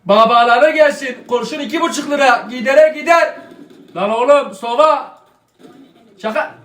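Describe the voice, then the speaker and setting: A man in his twenties playing a lazy gamer son who is excitable while gaming and sheepish and evasive with his father. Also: very high voice, moderate pace. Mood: excited. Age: 20s. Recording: echoey room, faint music behind.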